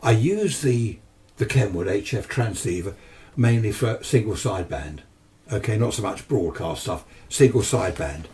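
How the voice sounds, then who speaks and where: This British ham radio enthusiast has a lowish, darkish voice with lively intonation, moving at a moderate pace. He gives a casual hobby talk, off the cuff, chatty and wandering but matter-of-fact. The setting is his home radio shack indoors, with noisy ambience and a far-off mic.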